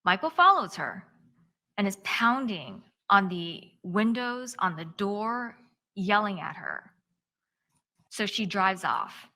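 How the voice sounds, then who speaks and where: A woman attorney speaks to a courtroom with a bright, forceful tone, walking through events one step at a time. Her delivery is measured and steady, in the present tense of an opening statement. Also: mid-range voice. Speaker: defense attorney.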